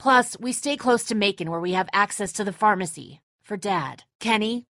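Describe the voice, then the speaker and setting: A woman's voice: medium pitch, moderate pace, fairly bright tone, no room sound, clean studio sound, lightly acted. Lilly, a woman as a blunt, embattled survivor leader. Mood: firm, testy. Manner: blunt, confrontational, exasperated. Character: tense, embattled female survivor group leader, blunt and defensive. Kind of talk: dramatic video game voice acting.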